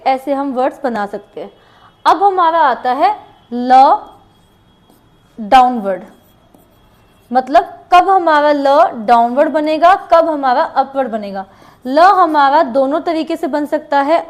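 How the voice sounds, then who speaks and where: High-pitched woman, unhurried shorthand teacher who repeats each example. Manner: slow, repeats each example word twice. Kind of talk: classroom lesson with board writing.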